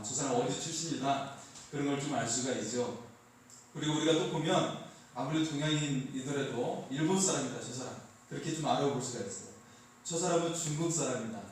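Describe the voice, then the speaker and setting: A man's voice: medium pitch, a little hiss or hum. A man preaching a Sunday sermon, light and joking as he quizzes his congregation. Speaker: pastor. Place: church sanctuary. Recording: echoey hall, heard from a distance.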